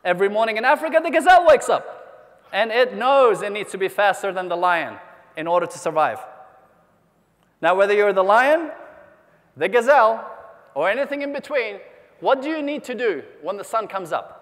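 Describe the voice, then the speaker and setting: This New Zealand motivational speaker has a high, slightly bright voice with lively intonation, and he moves at a normal speed with frequent pauses. Addressing a convention crowd, he poses questions and invites applause while the hall's long reverb carries his words.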